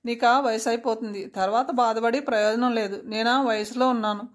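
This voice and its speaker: A woman's voice: fairly high pitch, fairly even intonation, moderate pace, close to an everyday voice. A woman voicing a sleazy middle-aged male neighbour who talks in a smug, taunting way in a storybook reading. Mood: leering.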